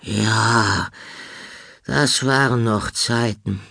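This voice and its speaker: A man's voice: medium pitch, steady tone, extremely slow, creaky, pushed and bright, no echo, studio quality, voice pushed up, exaggerated voice. A man voicing an eager, boastful small male animal detective, a former pirate's pet, in a children's audiobook. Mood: nostalgic.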